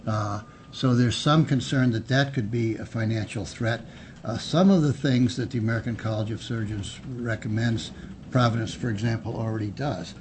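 A man giving formal legislative testimony in a measured, politician-like official manner, halting with frequent pauses. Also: mid-range voice. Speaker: physician and state health official testifying. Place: indoor legislative committee room. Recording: noisy public hearing room audio.

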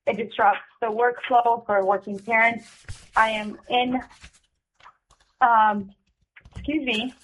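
Woman caller heard over a phone line. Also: on the high side. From Alaska. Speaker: public testimony caller. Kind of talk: brief testimony to a committee.

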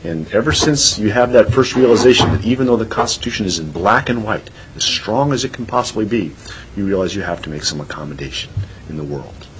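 A deep-voiced man chairs a legislative hearing. He talks plainly, with frequent ums, over a faint hum of room noise. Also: animated, fairly quick. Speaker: committee chair.

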